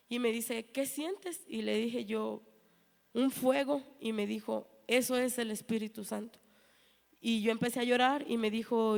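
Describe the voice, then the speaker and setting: A woman, giving an earnest personal testimony in church and acting out the dialogue she retells. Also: on the high side. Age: 30s. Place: church hall. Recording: long hall reverb.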